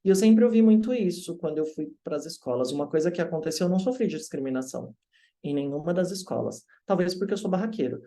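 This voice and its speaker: A man from Brazil, an English teacher telling stories in a casual interview, lively and acting out the voices of people he quotes. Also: a little high, fast talker. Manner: animated, acts out quoted voices.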